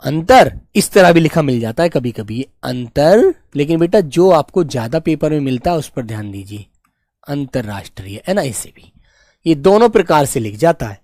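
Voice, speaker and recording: A man teaching Hindi spelling in a live online class, patiently repeating each word slowly and fondly addressing his students as children. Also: a little high, very animated, a little mellow, dry recording.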